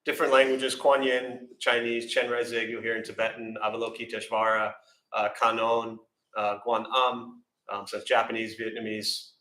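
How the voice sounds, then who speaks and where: The speaker is an American meditation teacher holding a casual, question-filled dharma talk in a temple hall with echoey acoustics. He speaks at normal speed, medium pitch and fairly flat intonation, in a bright, forceful tone. He's self-deprecating, rambling and fond of filler words.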